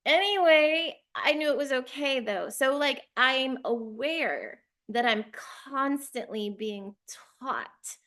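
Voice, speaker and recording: A woman's voice: high voice, animated, takes it slowly, hardly any pauses, fairly bright tone. Rambling, emotional young woman channeler. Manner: rambling, filler-heavy, emotional. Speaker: spiritual channeler. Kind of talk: casual personal storytelling.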